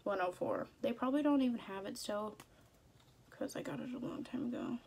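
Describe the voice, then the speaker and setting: A woman's voice: a little high, lively intonation, a little fast, creaky, darkish tone, slightly rough. A young woman chatting casually through a makeup tutorial in a playful, slangy way. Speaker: beauty vlogger.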